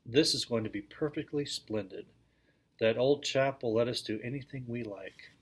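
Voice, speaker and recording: A man's voice: mid-range voice, moderate pace, slight background noise, lightly acted. A man reading aloud, voicing an eager, confident eldest English schoolboy. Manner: enthusiastic, confident.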